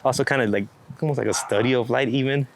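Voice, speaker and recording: A fast-talking man with a medium-pitched voice is being interviewed as a street and landscape photographer. The chat is casual and unscripted, and he rambles enthusiastically, full of slang and curse words. The recording is clear, with background noise and outdoor ambience.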